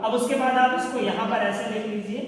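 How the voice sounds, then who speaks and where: A man's voice: high voice, steady tone, fairly quick. Echoey male teacher explaining at board. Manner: explains step by step, keeps checking in with "ठीक" and questions to pupils. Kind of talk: Hindi grammar lesson. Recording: echoey room from far off.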